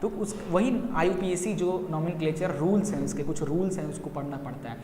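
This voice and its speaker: A man's voice: on the high side, brisk, mellow. A young man teaching chemistry at a whiteboard, talking directly to his students and repeating key points to coax them along. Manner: repetitive, coaxing, addresses students directly. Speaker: science teacher. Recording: echoey room with long reverb, faint noise.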